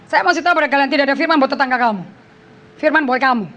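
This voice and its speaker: A woman preacher delivers a forceful sermon to a church congregation, dropping in English phrases and checking on her listeners. Her voice sits very high, with a bright, sharp edge. She speaks with insistent emphasis. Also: very fast.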